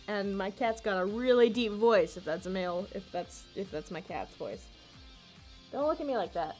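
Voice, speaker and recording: A young woman answers chat questions on a casual livestream at a middle pitch. She rambles, giggles and restarts her sentences as she goes. Faint music plays quietly in the background. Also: expressive, normal speed. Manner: rambling, giggly, self-interrupting.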